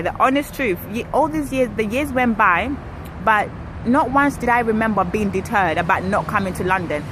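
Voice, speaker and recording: Give me a young woman from Kenya vlogging outside, animated and chatty, with clear traffic noise behind her. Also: medium pitch. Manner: chatty, animated, self-correcting. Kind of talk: casual storytelling to camera. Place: outdoors on an urban street, waiting for a ride.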